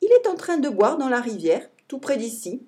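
A woman's voice: high-pitched, very animated, normal speed, background noise, voice pushed up. Woman doing a cheeky young girl. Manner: cheeky, blunt. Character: sharp-tongued young girl friend.

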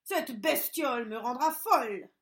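A woman voicing a grumpy, lonely old witch in a storybook reading, grumbling slowly and drawing out her words. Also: fairly high pitch. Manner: grumbling, slow and drawn-out.

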